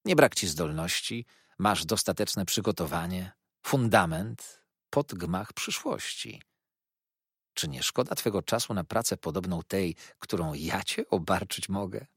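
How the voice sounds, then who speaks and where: Guy reading as a sweet old teacher, fond and coaxing, husky lowish voice that moves around a lot. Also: animated, a little slow, no echo, clean studio sound, heavily acted. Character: kindly elderly male scholar, warm and eager.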